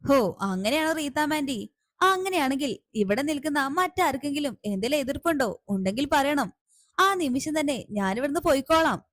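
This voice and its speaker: A woman voicing a patient young woman who reasons and pleads calmly but firmly. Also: high-pitched, moderate pace, no room sound, studio quality. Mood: challenging. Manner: calm, gently reasoning and pleading. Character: patient young woman, calm and gently firm. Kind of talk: serial recap with acted dialogue.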